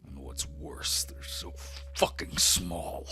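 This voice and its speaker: A man voicing a stern, gruff barbarian father who rants with bitter emphasis, loud and rough. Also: very deep voice, expressive, very slow, faint music behind, heavily acted. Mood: ranting.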